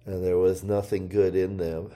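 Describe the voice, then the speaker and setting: A man preaching a sermon, reading scripture aloud and rising in voice for the quoted shouts. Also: deep voice, level tone. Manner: slow, deliberate delivery with pauses and fillers.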